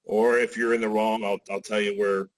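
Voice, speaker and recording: A man in his forties talking as a podcast guest, relaxed, with frequent restarts and asides. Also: fairly low pitch, moderate pace, no echo, rough recording. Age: 40s. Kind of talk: casual podcast conversation.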